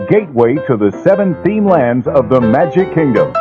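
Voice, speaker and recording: A man making a formal, measured train station announcement over a loudspeaker. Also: medium pitch, sing-song. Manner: measured, formal, clearly enunciated. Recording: dull lo-fi park recording with music. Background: music.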